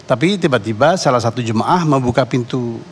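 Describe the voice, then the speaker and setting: A man's voice: mid-range voice, lively intonation. Indonesian guy telling what he saw, stops and restarts a lot, long hall echo, faint background hum. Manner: halting, repeats and restarts words. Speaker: neighborhood head and eyewitness guest. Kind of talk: eyewitness account on a talk show.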